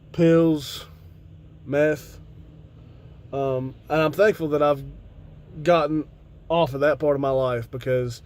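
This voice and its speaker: A man's voice: fairly high pitch, darkish tone. Stoned American man, rambling casually. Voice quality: frequent casual swearing. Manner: laid-back stoner drawl, rambling. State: stoned on cannabis. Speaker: video host. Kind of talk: casual rambling vlog chat.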